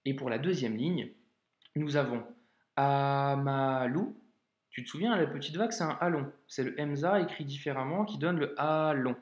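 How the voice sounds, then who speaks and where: A man teaching a video lesson in a patient, informal way, talking straight to the learner and drawing out example words slowly. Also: a little high. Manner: slow, drawn-out modeling of example words. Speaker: Arabic reading teacher. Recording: echoey room.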